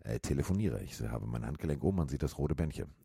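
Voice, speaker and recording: A middle-aged man telling a story in casual chat, animated and acting out other people's voices, with many fillers. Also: a bass voice, quick pace, creaky, husky, no room sound, studio quality. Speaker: podcast co-host.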